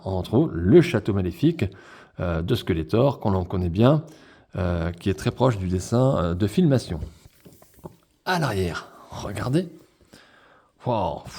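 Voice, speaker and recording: A man talks his way through an unboxing, gushing and correcting himself as he goes. His voice sits low and sounds mellow and warm rather than bright. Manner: enthusiastic, chatty, many fillers and self-corrections. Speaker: toy collector reviewing a figure pack. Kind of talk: casual unboxing review.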